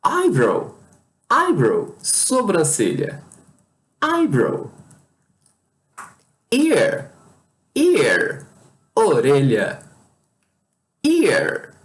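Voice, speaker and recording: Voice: medium pitch, huge pitch swings, drawn-out words, pauses often. An English teacher with a Brazilian Portuguese accent gives a pronunciation lesson, patiently repeating each word and over-articulating its sounds.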